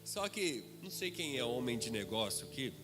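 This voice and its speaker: A man's voice: mid-range voice, big pitch swings, moderate pace. Brazilian man preaching in a reverberant hall. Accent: Brazilian Portuguese. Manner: dramatic storytelling, acts out quotes, swings between loud and hushed. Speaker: guest preacher. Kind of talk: testimony sermon. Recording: reverberant hall with music behind.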